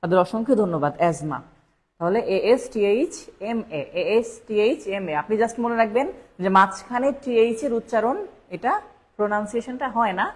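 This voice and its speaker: A woman's voice: fairly high pitch, fairly quick, a little mellow, husky. A woman teaching a live online English spelling lesson for exam preparation. She repeats each word several times and spells it out letter by letter.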